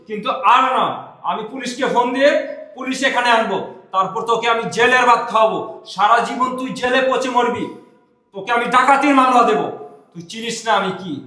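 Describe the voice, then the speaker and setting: A man playing an indignant man who swears he is the husband, making declamatory threats in a short film. His voice is very high, bright and sharp, and it echoes around the room. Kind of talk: melodramatic short film acting.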